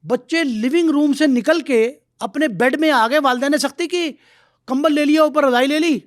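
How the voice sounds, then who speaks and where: Man, middle-aged, talk-show guest, high lively voice, storyteller, dry sound. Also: no room sound. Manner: lively, acts out quoted voices. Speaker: guest expert.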